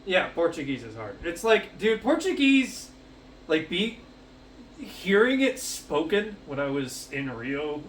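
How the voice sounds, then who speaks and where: A man's voice: fairly high pitch, a bit bright, recorded from a distance, a little hiss or hum. A man hosting a casual cooking vlog on a headset, swearing freely and rambling with lots of fillers. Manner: profane and rambling, with many fillers. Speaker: cooking show host. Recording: roomy, off-mic, music underneath.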